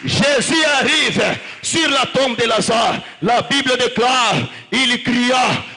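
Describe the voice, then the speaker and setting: A man preaching a fervent sermon, shouting and stretching phrases as he calls on the congregation to repeat after him. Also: very high-pitched, slow, a little hiss or hum. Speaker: pastor. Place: church during a live service.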